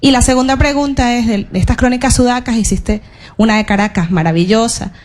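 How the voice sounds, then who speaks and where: Higher-pitched woman with Caribbean Spanish accent. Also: brisk, darkish tone. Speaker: journalist asking a question from the audience. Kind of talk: spoken question at a public talk.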